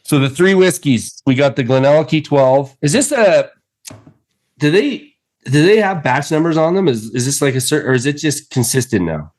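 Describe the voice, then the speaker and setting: A man's voice: on the high side, sing-song, moderate pace, a little mellow. A man co-hosting a casual podcast, talking in an enthusiastic, rambling way with many fillers and restarts. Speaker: podcast co-host. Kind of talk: casual chat.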